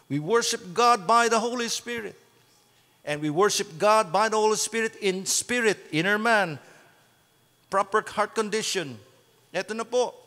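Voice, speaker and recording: A man with a Filipino accent preaching a sermon as pastor, mixing Tagalog and English and breaking into loud shouted praise. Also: high voice, in a large hall. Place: church sanctuary.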